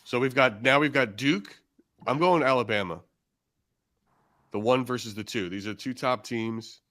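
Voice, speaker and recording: A man's voice: medium pitch, normal speed, a bit bright. A man co-hosting a live paranormal stream, steering the group toward decisions and reading the chat aloud. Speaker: co-host.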